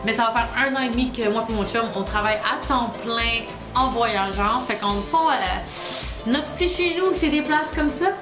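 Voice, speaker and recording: A woman's voice: a little high, moderate pace. A woman in her twenties from Quebec with a Québécois accent, chatting casually to camera as a travel vlogger. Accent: Québécois French. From Quebec, Canada. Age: 20s. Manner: chatty and relaxed, loose colloquial speech. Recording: echoey room with music behind.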